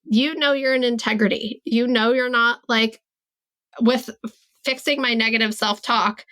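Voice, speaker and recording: A woman in her forties talks alone on her podcast in a relaxed, candid way, her voice sitting a little higher than most women's. She thinks aloud, leans on "like" as a filler, and slips into a brighter tone whenever she quotes her own worries. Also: a little slow. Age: 40s. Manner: reflective, candid, many "like" fillers. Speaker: podcast host and business coach. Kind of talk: casual solo podcast monologue.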